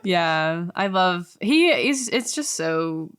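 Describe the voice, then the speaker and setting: A woman's voice: fairly low pitch, lively intonation, slow, smooth. A woman chatting casually as a podcast guest, filling her talk with "like". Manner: chatty, many "like" fillers, laughs often. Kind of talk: casual chat.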